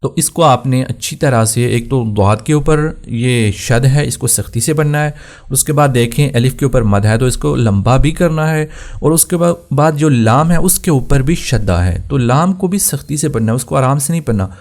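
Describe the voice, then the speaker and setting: A man teaching tajweed, explaining plainly and then chanting verses slowly and drawn out. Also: mid-range voice, darkish tone. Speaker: Quran recitation teacher. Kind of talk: tajweed lesson with slow chanted recitation.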